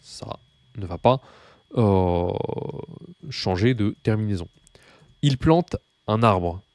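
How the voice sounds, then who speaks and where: Low-voiced man teaching. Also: lively intonation, takes it slowly, darkish tone, dry recording. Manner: hesitant, many fillers and restarts; addresses the learner informally, patient explaining. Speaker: Russian language teacher. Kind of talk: spoken language lesson.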